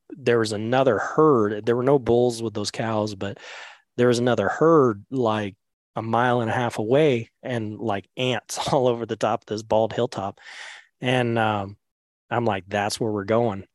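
Man, casual podcast guest, lively storyteller, dry close sound. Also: lowish voice, a little slow, no echo. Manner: laughing, animated storyteller with lots of fillers.

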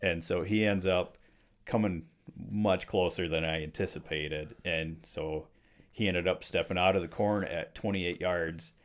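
A man from Michigan, co-host of the show, excitedly retelling a story in casual chat. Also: low voice, unhurried. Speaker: co-host telling a hunting story.

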